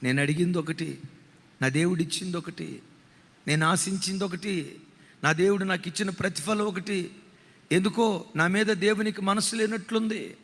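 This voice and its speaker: A man's voice: high voice, normal speed, pauses often, fairly bright tone, in a large hall. A man preaching a sermon with emotional, dramatic storytelling, acting out the voices of the people in his story. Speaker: pastor.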